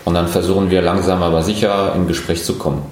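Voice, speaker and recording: A man in his forties from France, speaking German with a French accent, answering interview questions as a startup founder with thoughtful pauses. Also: deep voice, little pitch movement, darkish tone, very echoey. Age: 40s. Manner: thoughtful, many pauses and fillers.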